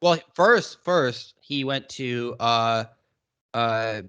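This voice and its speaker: A man's voice: mid-range voice, extremely slow, bright, forceful tone, clear, resonant tone, dull audio. A man in his late twenties from Massachusetts, co-hosting a podcast and giving rambling, emphatic opinions in casual discussion. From Massachusetts, United States. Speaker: podcast co-host.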